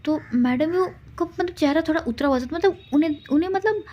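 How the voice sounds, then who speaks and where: A woman's voice: high voice, a little fast, highs cut off. A woman casually retelling a fan-fiction story in a chatty way, slipping in English words.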